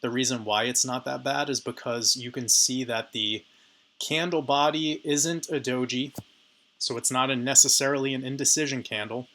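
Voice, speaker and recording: Male crypto commentator, hoarse and raspy, sharp bright tone, casual chart walkthrough. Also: mid-range voice. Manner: casual, addresses viewers as you guys. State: hoarse, raspy voice from talking a lot.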